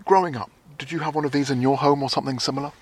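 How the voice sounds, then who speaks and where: A man, hosting a radio feature and asking people lively questions. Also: medium pitch, very fast, no echo. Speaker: reporter and host. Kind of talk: radio feature and street interviews.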